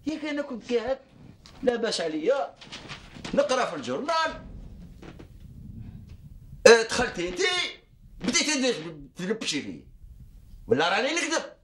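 An actor with an Algerian Arabic accent, playing a weary husband who pleads and defends himself in a TV drama. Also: male voice, very high-pitched, big pitch swings, moderate pace, pauses often, fairly bright tone, a little hiss or hum, full character voice. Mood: pleading. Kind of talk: TV drama acting.

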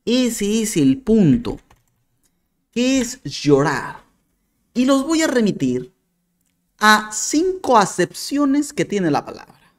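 A man delivers argumentative commentary straight to camera. He speaks slowly and with a sarcastic, mocking bite. His pitch rises and falls expressively as he presses his point. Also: very animated. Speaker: video commentator.

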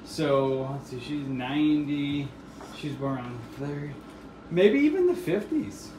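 A man's voice: fairly high pitch, animated, a little slow, mellow. A man, a hiking partner, chatting casually and teasing lightly in a small motel room. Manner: easygoing, teasing, laughs. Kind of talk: casual chat behind the camera. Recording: roomy sound with faint background hiss.

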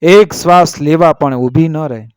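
A man narrating an emotional village story in a measured, earnest storytelling manner. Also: fairly high pitch, smooth, no echo, clean studio sound.

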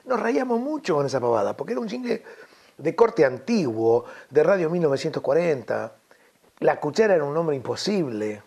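A middle-aged man with a Rioplatense Spanish accent, chatting in an interview and reminiscing about his years in radio with lively storytelling. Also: fairly high pitch, normal speed, vocal fry, slightly rough. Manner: storytelling, reminiscing, slips into old-radio announcer voices. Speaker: radio host guest. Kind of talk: casual interview chat.

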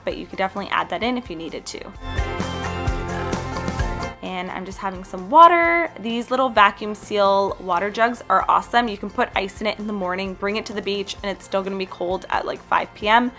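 A woman's voice: medium pitch, pushed and bright. A young woman from Canada narrating her food vlog in a casual, upbeat voice-over, chatting and recommending foods directly. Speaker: healthy food vlogger. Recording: faint music behind voice.

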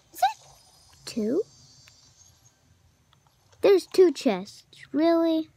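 A young woman chatting casually while playing a video game, excitable and chatty, shouting at opponents now and then. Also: high voice, a little hiss or hum. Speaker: gamer. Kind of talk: casual gameplay commentary.

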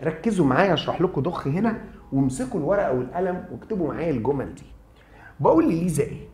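A man's voice: on the high side, racing, reverberant. A man with an Egyptian Arabic accent, a German teacher giving a lecture, asking questions and answering them himself. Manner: lively, asks and answers his own questions. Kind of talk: classroom lecture.

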